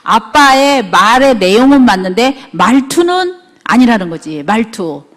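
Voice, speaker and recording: A woman's voice: a little high, sing-song, measured pace, a bit bright. Middle-aged woman giving a conversational lecture. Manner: conversational, asks the audience frequent rhetorical questions.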